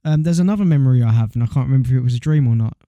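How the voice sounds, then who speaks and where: A man's voice: mid-range voice, racing, dark tone, no echo. A young man with a British accent, co-hosting a podcast and telling stories in a laid-back, slangy way. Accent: British English. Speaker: podcast co-host. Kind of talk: casual chat.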